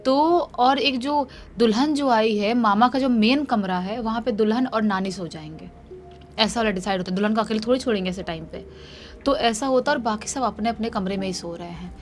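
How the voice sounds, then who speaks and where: A woman telling a real-life horror story in a lively, animated way. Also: on the high side, fairly quick, soft background music.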